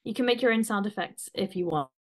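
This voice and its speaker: A craft presenter on a home video call gives a chatty, informal demonstration during a live webinar. She talks fast at a medium pitch, full of fillers and restarts.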